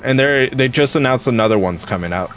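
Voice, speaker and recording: A man's voice: mid-range voice, animated, fairly quick, a bit bright, faint music behind. A man streaming a video game at home, chatting casually and rambling with lots of "like" and "um". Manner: chatty and rambling, many fillers like "like" and "um". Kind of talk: casual gameplay commentary.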